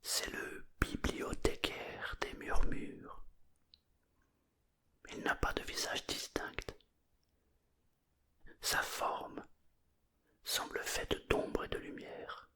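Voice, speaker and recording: The voice is a murmured whisper full of breath, telling a bedtime story. It stays hushed and restful, with unhurried pauses between phrases.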